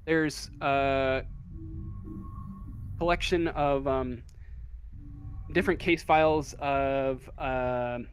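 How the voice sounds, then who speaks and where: Serving as game master, a man improvises tabletop game narration, informal and halting as he feels his way through descriptions. His voice is mid-range, with a little hiss or hum in the recording.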